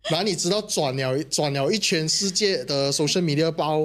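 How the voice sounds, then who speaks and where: A man's voice: a little high, moderate pace, fairly bright tone. A man with a Malaysian Mandarin accent, co-hosting a casual podcast chat, telling stories relaxedly and mixing in English words. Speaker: podcast co-host.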